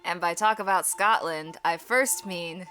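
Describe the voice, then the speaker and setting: A young woman chatting through a casual vlog with voiceover bits, full of quick self-mocking jokes. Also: lowish voice, bright, forceful tone, faint music behind. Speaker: vlogger and touring puppet theatre performer.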